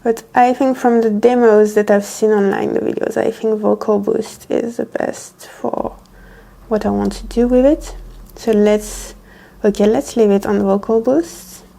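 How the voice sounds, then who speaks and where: A woman's voice: medium pitch, steady tone, a little slow, creaky, warm tone. A woman doing a casual, chatty ASMR unboxing and product review, thinking aloud as she tests the gear. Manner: rambling, thinking aloud while testing gear. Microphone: close wireless lavalier microphone being tested.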